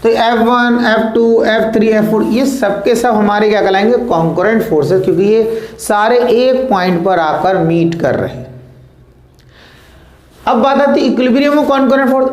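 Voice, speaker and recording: A man with a very high voice explains physics at a board, asking the class questions and answering them himself. He repeats words as he traces lines. The sound is roomy and echoing. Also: a little mellow. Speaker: physics teacher. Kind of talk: board lesson explaining step by step.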